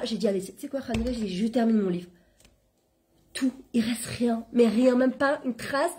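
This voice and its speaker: A middle-aged woman giving an informal religious lesson, talking in a lively, conversational way and dropping Hebrew terms into her French. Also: a little high. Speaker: Torah class teacher and coach.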